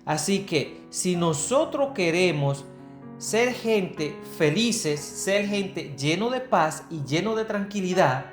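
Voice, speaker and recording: A woman's voice: on the low side, expressive, takes it slowly. A woman from the Republic, giving an earnest Bible teaching sermon and answering her own rhetorical questions. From Dominican Republic. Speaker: preacher. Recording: echoey room with soft guitar music. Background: faint guitar music.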